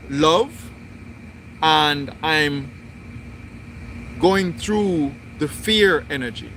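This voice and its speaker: Slow, bright-voiced man reflecting aloud. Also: on the high side, slight background noise. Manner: slow, deliberate, repetitive phrasing. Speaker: spiritual livestream host. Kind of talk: reflective spoken monologue.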